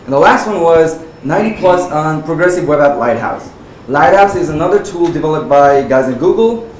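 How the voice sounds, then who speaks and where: A Nepali man in his thirties speaks at a tech meetup, chatting in a relaxed, conversational way at normal speed and peppering his talk with "uh" and "right?" His middle-pitched voice is picked up from far off in a big, echoey room with an audience present and noticeable background noise.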